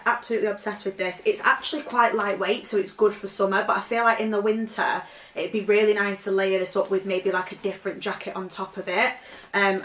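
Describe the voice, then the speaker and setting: A woman chatting through a vintage clothing haul at home, rambling and filling her talk with "like". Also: mid-range voice. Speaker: fashion vlogger. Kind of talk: casual vintage haul vlog. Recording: roomy echo, voice from off-mic.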